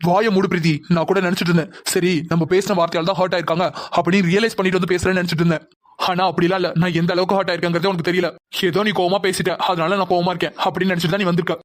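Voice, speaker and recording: Man voicing a cartoon young man, hurt and angry, bitter scolding, very fast talk. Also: sits high, little pitch movement, natural voice. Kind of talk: cartoon voice acting.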